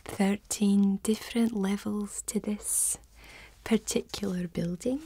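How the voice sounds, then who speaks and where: A young woman with a Scottish accent in an ASMR role-play as a helpful librarian, speaking in a soft, breathy library soft voice. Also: medium pitch, fairly even intonation. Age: young adult. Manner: slow, hushed, gently helpful. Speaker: ASMR performer playing a librarian.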